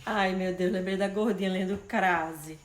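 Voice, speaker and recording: A woman's voice: medium pitch, steady tone, normal speed. A woman student in a poetry class, chatting casually and making playful, joking remarks. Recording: roomy sound, faint noise.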